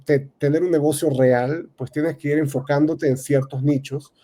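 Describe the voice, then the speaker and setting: A man in his thirties with a Venezuelan accent, a real estate advisor answering interview questions in a halting way, full of fillers and restarts. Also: on the high side, steady tone, mellow. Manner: hesitant, many fillers and restarts. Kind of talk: casual interview talk.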